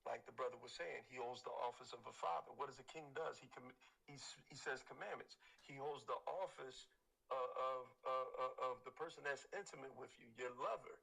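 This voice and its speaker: Gravelly, bright man teaching like a preacher. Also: mid-range voice, fairly quick, rough recording. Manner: didactic, listing points. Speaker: panelist. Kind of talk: preaching-style panel remarks.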